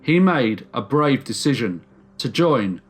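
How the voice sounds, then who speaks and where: Man, true crime narrator, mid pitch, measured delivery, faint music behind. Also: big pitch swings. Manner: measured storytelling with slow emphatic stresses. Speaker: true crime channel host.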